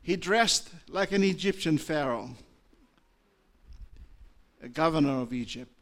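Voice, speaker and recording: A man with an Australian accent preaches as a pastor, his lively intonation carrying him from low, careful speech up to loud, heartfelt preaching.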